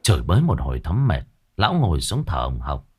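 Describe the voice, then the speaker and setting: A man narrating a ghost story in a dramatic, expressive way. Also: rumbling low, brisk, slightly rough.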